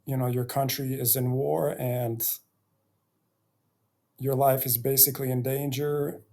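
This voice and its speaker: A man in his thirties telling his life story on his own channel, reflective, pausing often between phrases. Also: medium pitch, little pitch movement, vocal fry, dark tone. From Bosnia and Herzegovina. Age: 30s. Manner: slow and reflective, with many pauses and fillers. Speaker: YouTuber. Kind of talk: personal storytelling vlog.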